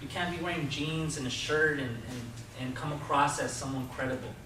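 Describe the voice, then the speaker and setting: A man's voice: medium pitch, fairly even intonation, fairly quick. Persuasive male presenter in a very echoey room. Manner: persuasive, explanatory, addressing listeners directly. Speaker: Toastmasters club speaker giving a sales talk. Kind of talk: informal persuasive presentation to a group. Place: indoor club meeting room with a live group. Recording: distant mic, very echoey room, clear noise.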